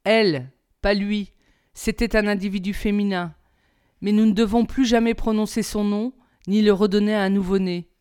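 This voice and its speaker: A proper, composed mother , as a woman reading puts her on, speaks in a slow, measured storybook voice. Her tone stays at middle pitch, smooth and clear. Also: steady tone, a little mellow, close to an everyday voice. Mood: solemn.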